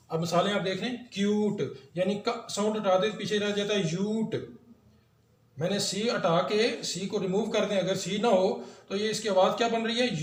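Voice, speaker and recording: This is a man, teaching English long vowels in a slow, repetitive way. He draws out each vowel and says the example words over and over. The recording sounds roomy and echoey, with a faint hum underneath. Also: sits high. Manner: explains slowly, drawing out and repeating example words. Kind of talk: recorded phonics lesson.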